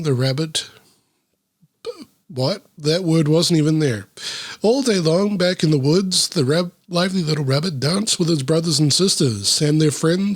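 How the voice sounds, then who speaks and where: Man, children's book read-aloud, deadpan sarcastic asides, swears, slightly high voice, dry sound. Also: no echo.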